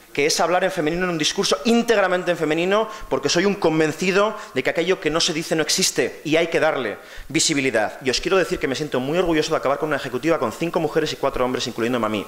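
A young man, the outgoing secretary general, giving an impassioned farewell speech at a party congress. He speaks into a lectern microphone and builds to loud, emphatic cries. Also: a little high, fast. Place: congress hall, speaking to an audience.

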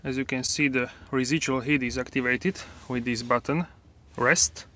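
Filmed on a handheld phone, a man reviews a car casually with a mid-range voice, first from inside the parked vehicle and then out on a dealership lot. His relaxed walkaround is halting and full of fillers and false starts.

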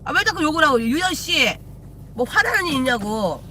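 Woman, high lively voice, very bright, teasing live-stream chat from a car, swears a lot. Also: brisk, slight background noise. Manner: chatty, teasing, swears freely. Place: in a car while driving.

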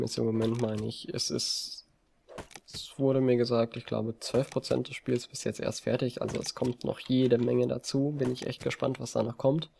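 A man giving relaxed, rambling commentary over a video game from his desk, with frequent hesitations. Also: mid-range voice, creaky, slight background noise. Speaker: let's play gamer. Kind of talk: casual gameplay commentary. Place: home desk. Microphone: desk mic on a stand.

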